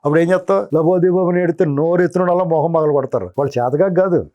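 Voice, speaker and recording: A man's voice: on the high side, a little mellow, muffled recording. A middle-aged man, a political analyst, giving heated commentary in an interview, rhetorically scolding a politician as "you".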